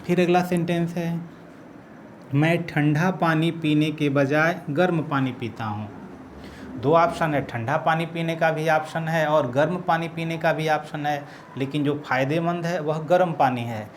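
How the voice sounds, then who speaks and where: Brief: male grammar teacher, slightly high voice, slow patient delivery, faint hiss behind. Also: steady tone. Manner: slow, repeats each phrase while writing. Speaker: English teacher. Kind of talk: classroom grammar lesson.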